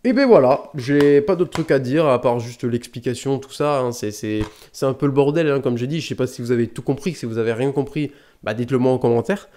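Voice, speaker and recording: A man's voice: medium pitch, a little fast, mellow. Chatty, rambling man. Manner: rambling, chatty, swears casually, self-corrects often. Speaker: YouTube DVD collector host. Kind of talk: casual unboxing vlog. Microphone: desk mic close up.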